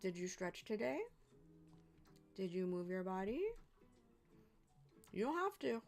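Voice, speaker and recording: A woman's voice: mid-range voice, very animated, measured pace, a little mellow, soft background music. A woman hosting a casual craft livestream, chatty and playful, sometimes talking while she eats. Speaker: livestream host. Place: home craft desk.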